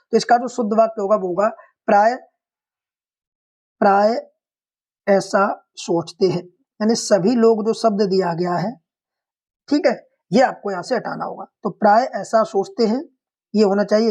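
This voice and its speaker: Exam-prep tutor, mid-pitched voice, methodical and repetitive, talks straight to viewers as friends. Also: a little mellow. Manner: explains step by step, often repeats "theek hai" and addresses viewers as friends. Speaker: Hindi exam-prep teacher. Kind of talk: online exam-prep lesson.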